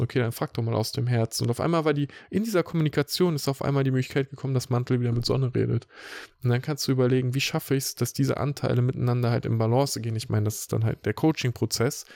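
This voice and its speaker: A man's voice: medium pitch, steady tone, fast, creaky, a little mellow, no room sound. A man who works as an emotion coach, talking casually and explaining ideas in a long monologue. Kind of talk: casual podcast talk.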